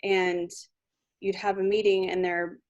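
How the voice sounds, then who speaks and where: A woman in a book club on a video call, speaking in a steady, reflective way. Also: medium pitch, unhurried, lo-fi sound. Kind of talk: casual chat on a video call.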